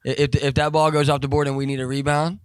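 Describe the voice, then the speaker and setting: A young man as an interview guest, telling stories in a rambling, profane, animated way with lots of fillers. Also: on the high side, quick pace, smooth, dry recording. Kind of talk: casual storytelling.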